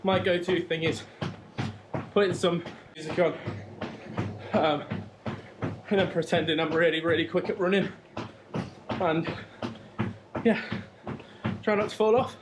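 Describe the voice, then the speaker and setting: A man runs on a treadmill at home while chatting casually to his vlog viewers. His high voice stays steady and measured, with frequent pauses. Treadmill noise and clicks are clearly audible.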